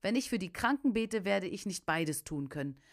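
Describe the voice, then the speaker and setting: A woman's voice: mid-range voice, animated, normal speed, natural voice. A woman voicing a commanding male revival preacher who talks firmly and demandingly.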